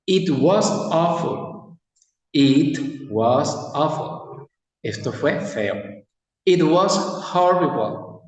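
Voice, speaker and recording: A man teaching an English class in Spanish, saying model phrases slowly and repeating each one for students to copy. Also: mid-range voice, darkish tone. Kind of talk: classroom lesson. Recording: echoey hall, far from mic.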